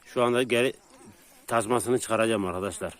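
A man's voice: lowish voice, a little fast, a bit bright. A man talking casually to his viewers while tending dogs outdoors in the countryside, addressing them as friends. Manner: plain, chatty, keeps addressing viewers as friends. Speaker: vlogger and dog keeper. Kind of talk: casual vlog talk to viewers.

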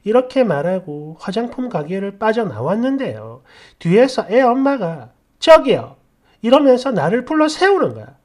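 A woman's voice: on the high side, big pitch swings, moderate pace, few pauses, a little mellow. A woman narrating a first-person story in an indignant, scolding tone.

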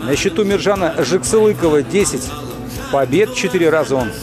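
A man giving live boxing commentary in measured, short phrases with pauses. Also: fairly high pitch, expressive, over music.

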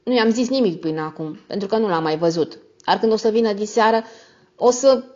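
A woman's voice: medium pitch, a little mellow, voice pushed up, natural voice. A woman reading an audiobook voices a frightened, stubborn young boy with raised, pleading lines. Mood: panicked. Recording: dull lo-fi audio.

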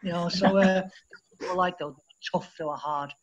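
A man from Liverpool, a football coach telling lively anecdotes as a podcast guest and acting out the dialogue. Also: sits high, normal speed, muffled recording, noisy background. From Liverpool, England. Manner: lively storyteller who acts out quoted dialogue. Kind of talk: anecdotal interview storytelling.

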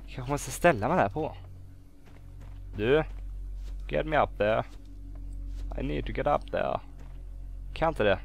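A man's voice: medium pitch, creaky, pauses often, soft background music. A young man casually commenting while playing a game, talking to himself, pleading and exclaiming as he goes. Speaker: gaming video host. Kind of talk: casual let's-play commentary.

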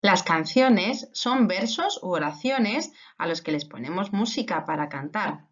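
A woman teacher giving a recorded lesson to young schoolchildren, playful and expressive as she recites riddles and tongue twisters. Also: lowish voice, measured pace, highs cut off. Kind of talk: recorded remote lesson for children.

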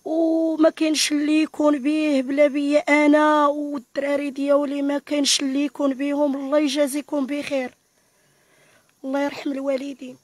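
A woman's voice: high-pitched, flat delivery, brisk, dry recording. A woman with a Moroccan Arabic accent, pleading for help and repeating blessings, recorded in an outdoor tent on a handheld mic. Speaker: interviewee. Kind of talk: pleading appeal.

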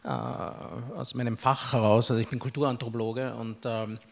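A man's voice: medium pitch, level tone, normal speed, gravelly. A man, an anthropologist, explaining in an academic, hesitant way with many fillers on a handheld mic in a large hall. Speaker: anthropologist guest. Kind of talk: panel discussion.

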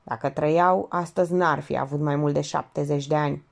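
A woman's voice: deep voice, steady tone, creaky. A woman reading an audiobook aloud, lifting her voice for the dialogue. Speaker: audiobook reader.

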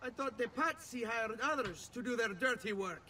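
A cocky young Italian rogue. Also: male voice, very high-pitched, animated, moderate pace, bright, forceful tone, heavily acted. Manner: teasing and boastful. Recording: game audio with clear background noise.

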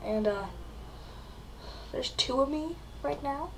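A woman's voice: high voice, lively intonation, slow, a little hiss or hum, low-quality recording. Melodramatic mock-scared woman vlogger. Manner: mock-frightened, melodramatic, repeats words. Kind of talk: comedic vlog.

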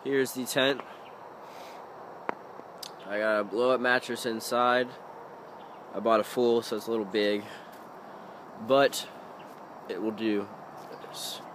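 Slow, laid-back young man vlogging. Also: mid-range voice, a little hiss or hum. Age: young adult. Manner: relaxed, slow and offhand. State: sick. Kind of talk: casual travel vlog. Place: car, campsite and tent. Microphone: phone held at arm's length.

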